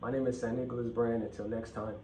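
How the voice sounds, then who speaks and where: His voice is medium-pitched and warm, with little pitch movement and a quick pace, as this man rants casually on the vlog he hosts. He is blunt and profane and repeats phrases for emphasis. The echoey room, distant mic, and slight background noise shape the recording.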